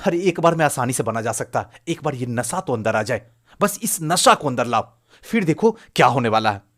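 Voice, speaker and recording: A man's voice: medium pitch, expressive, moderate pace, fairly bright tone. A male coaching teacher from Bihar, speaking Hindi with a Bihari accent, gives a fervent motivational lecture to exam aspirants, exhorting them and firing off rhetorical questions.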